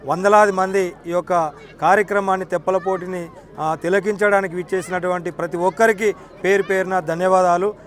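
High-pitched man giving a formal statement. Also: fairly even intonation, a little fast, a bit bright. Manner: formal, long flowing sentences. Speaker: local community speaker. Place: outdoors at a lakeside event.

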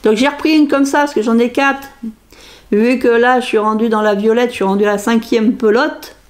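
A woman's voice: a little high, steady tone, moderate pace. A middle-aged woman, chatting casually and rambling as she shows off a craft shopping haul, laughing at herself as she goes. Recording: faint background noise with crinkling bags.

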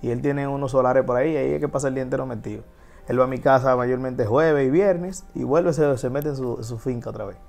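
A guest DJ and TV host from the Dominican Republic tells stories in a casual interview chat on a TV studio set, relaxed and chatty with frequent restarts. He has a Dominican Spanish accent and a gravelly, mid-range voice, and he talks fast.

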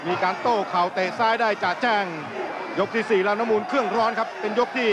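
High-pitched man in excited boxing commentary. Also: fast talker. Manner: urgent play-by-play with rhetorical questions. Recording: old TV broadcast, loud crowd noise. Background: loud stadium crowd.

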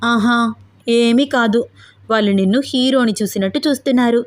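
A woman's voice: a little high, moderate pace, no echo, close to an everyday voice. A woman voicing a playful young woman who teases her fiancé with coy remarks. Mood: teasing. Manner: teasing, coy.

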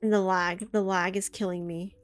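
A young female gaming YouTuber does casual let's-play commentary in a mid-range voice, flat and at normal speed, over soft background music. She startles easily, often yelping and screaming in alarm.

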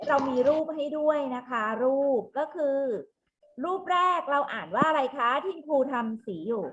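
A woman teacher running an online class for young children, slowly and clearly spelling out words. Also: high-pitched, expressive, fairly bright tone, muffled recording. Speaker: primary school teacher. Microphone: video call.

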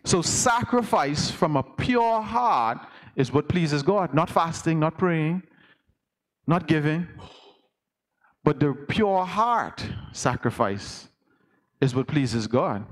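High-voiced man preaching a sermon. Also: expressive, takes it slowly. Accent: Bahamian. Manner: conversational preaching, asks the congregation questions. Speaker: elder preaching.

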